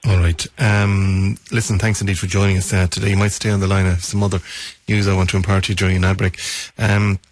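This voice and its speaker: Irish guy hosting local radio, husky low voice, talks fast but keeps restarting his questions, dry studio sound. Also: flat delivery, dry recording. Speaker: radio interviewer and host. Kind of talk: live local radio interview.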